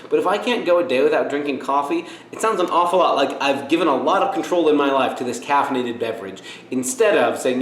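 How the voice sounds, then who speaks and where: A man preaching a casual video sermon as a pastor, talking conversationally with frequent restarts, repeated words and playful asides. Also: medium pitch. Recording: roomy echo, faint background noise.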